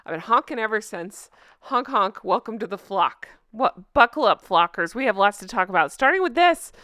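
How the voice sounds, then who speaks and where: A woman hosting an online recap show with animated, casual, sarcastic and gossipy chatty commentary. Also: mid-range voice, fairly quick, no echo, clean studio sound. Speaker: YouTube recap show host.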